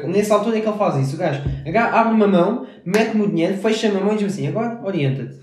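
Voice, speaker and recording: Young man, European Portuguese accent, high pitch, very fast, echoey room. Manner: rapid, animated, acts out others' lines. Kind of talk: casual storytelling with friends.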